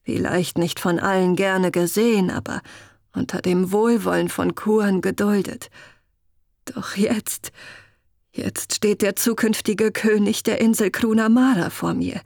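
A woman reading an audiobook voices a young master swordswoman who speaks firmly and in measured words. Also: mid-range voice, fairly even intonation, vocal fry, darkish tone, no echo, studio quality. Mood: earnest. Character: young female master swordswoman, stern but caring.

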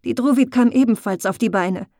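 A woman narrating an audiobook in a slow, intimate, emotive storytelling manner, recorded close on a studio mic. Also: on the high side, dark tone, dry recording. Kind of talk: scripted narration.

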